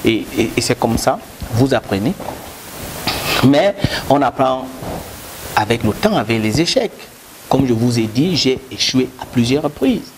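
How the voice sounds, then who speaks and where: A man's voice: animated, unhurried. A man, giving an interview in an emphatic, rhetorical way. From Cameroon. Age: 30s. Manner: emphatic, rhetorical, sweeping pitch swings. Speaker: company director, interview guest. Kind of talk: interview talk. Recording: echoey room with faint noise.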